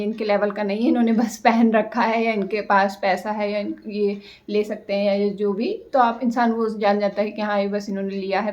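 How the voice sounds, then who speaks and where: A young woman giving casual style and confidence advice to her viewers, chatty and unhurried, pausing often on fillers. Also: fairly high pitch. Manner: chatty, hesitant with many fillers; tries to talk slowly and calmly. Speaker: vlogger. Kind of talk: casual advice talk to camera.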